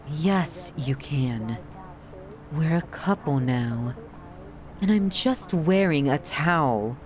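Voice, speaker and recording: In an ASMR roleplay, a woman with a low-sitting, slightly mellow voice plays an obsessive, doting young yandere girlfriend. She's cutesy and giggly, with an undertone of menace.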